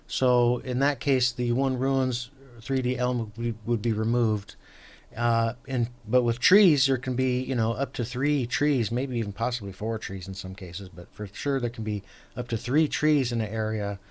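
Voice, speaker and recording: Guy talking through board game rules, lots of uh and um, keeps restarting sentences, middle pitched voice. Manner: rambling, halting, heavy on fillers and restarts; patient rules explaining. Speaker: host explaining rules to an opponent. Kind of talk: casual tabletop game chat.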